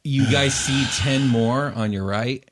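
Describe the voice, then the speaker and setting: A man's voice: mid-range voice, a little slow, slight background noise. A man acting as game master, narrating a tabletop game in a casual, conversational style.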